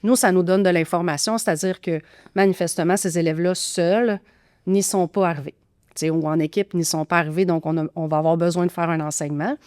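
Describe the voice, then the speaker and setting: Québécoise à la voix grave et sèche. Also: female voice, fairly low pitch, fairly even intonation, brisk, darkish tone, no echo, clean studio sound. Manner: thoughtful, many fillers and restarts. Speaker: grammar teaching expert guest. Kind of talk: explanatory podcast interview.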